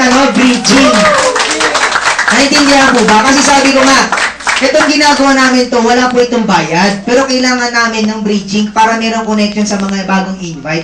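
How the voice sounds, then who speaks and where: A man's voice: very high-pitched, roomy sound, very noisy. A man giving a motivational seminar talk, teasing the audience and checking in with them often. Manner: lively, teasing crowd work with frequent check-ins. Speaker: seminar presenter. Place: indoor seminar room.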